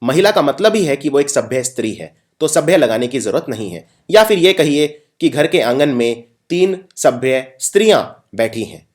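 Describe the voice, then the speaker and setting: A man teaching a grammar lesson, explaining mistakes patiently and reading example sentences slowly. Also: medium pitch, very animated. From northwest India.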